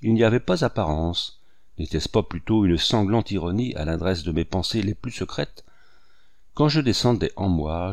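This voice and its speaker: A man narrating a classic novel as an audiobook in a measured, expressive reading. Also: lowish voice, no echo. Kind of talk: scripted literary narration.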